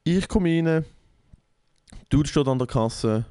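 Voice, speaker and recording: A man's voice: fairly high pitch, slow pace, smooth. Young Swiss German man telling a rant. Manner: animated storytelling, acting out quotes, lots of swearing. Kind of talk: casual chat.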